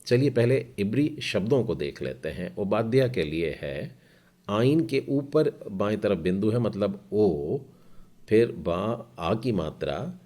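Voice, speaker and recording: A man teaching a Hebrew class, spelling out letters and vowel marks one by one in a slow, explanatory way. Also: low-pitched, darkish tone.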